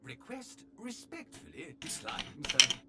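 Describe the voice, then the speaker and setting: A man's voice: fairly high pitch, sing-song, takes it slowly, creaky, very noisy, full character voice. An actor voicing a polite, obsequious male butler robot who speaks formally and addresses his master in the third person as sir. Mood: polite, fawning. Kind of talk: video game voice acting.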